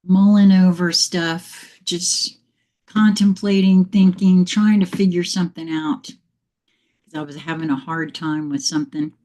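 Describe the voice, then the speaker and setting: A woman's voice: on the low side, steady tone, unhurried, warm tone. Slightly breathless woman, reflective morning chat. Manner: reflective, meandering spiritual storytelling. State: a little out of breath. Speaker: live stream host. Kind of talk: casual live morning chat.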